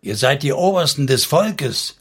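A man voicing a firm male army commander who speaks in a slow, deliberate way. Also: fairly high pitch, expressive, fairly bright tone, breathy edge, exaggerated voice. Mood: commanding.

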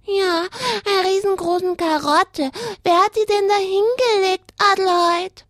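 A woman's voice: very high-pitched, fairly even intonation, measured pace, a bit bright, no room sound, clean studio sound. A woman voicing a cheerful, childlike male rabbit puppet that chatters eagerly like a small child on a children's radio show.

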